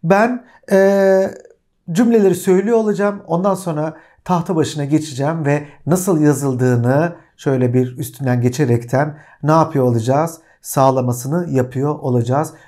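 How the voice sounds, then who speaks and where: A middle-aged man, a native Turkish speaker, teaching German through a slow, deliberate dictation lesson, repeating each phrase, recorded on a lapel mic in a small room. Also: on the high side, warm tone. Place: small indoor room at a desk.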